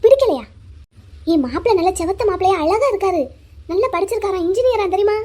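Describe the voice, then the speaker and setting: Rich: A chatty, teasing young village girl in a cartoon romance. Her voice is very high and light. She pries with question after question. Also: animated, mellow. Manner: nosy, teasing, rapid-fire questions. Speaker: heroine's best friend in a cartoon. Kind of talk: cartoon voice acting.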